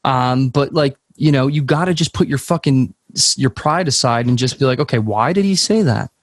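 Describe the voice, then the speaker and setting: A man's voice: mid-range voice, normal speed, dry recording, studio quality. A man co-hosting a casual music podcast chat, telling stories in a frank, profane way. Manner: profane, animated storytelling.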